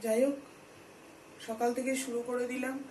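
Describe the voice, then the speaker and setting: A woman chatting to her viewers while cooking at home, speaking softly at times. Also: a little high, flat delivery, normal speed, roomy sound, slight background noise, low-quality recording. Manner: speaks softly so as not to wake the household. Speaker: vlogger. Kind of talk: casual home vlog narration. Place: home kitchen.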